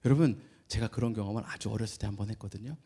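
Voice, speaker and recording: A man in his thirties from Korea, a pastor preaching a sermon, animated in his storytelling and acting out voices with big jumps in pitch. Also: racing, husky.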